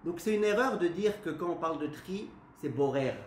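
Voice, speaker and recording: A man, a rabbi, giving a lively spoken lesson to a class, often asking his listeners questions and then answering them himself. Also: fairly high pitch, normal speed. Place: classroom with a live audience. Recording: echoey room, faint background noise.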